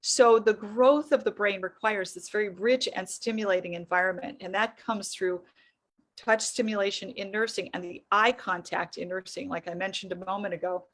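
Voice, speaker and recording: A woman's voice: mid-range voice, steady tone, moderate pace. A middle-aged woman giving an earnest, explanatory faith-based teaching talk on psychology, asking her listeners rhetorical questions.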